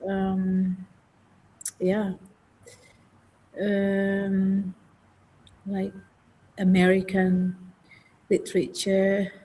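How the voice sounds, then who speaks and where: Extremely slow with long pauses, a young woman from Indonesia, a native Indonesian speaker, practices casual English on a video call. She's a university student training to teach, hesitant and thoughtful, often self-correcting, with a mid-range, monotone, mellow voice. The recording is rough, with slight background noise.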